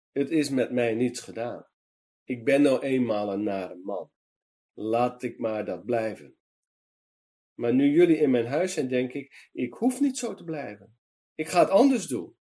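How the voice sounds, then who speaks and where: A man voicing a small, sly tax collector who stammers and gets excited, in a storybook reading. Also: medium pitch.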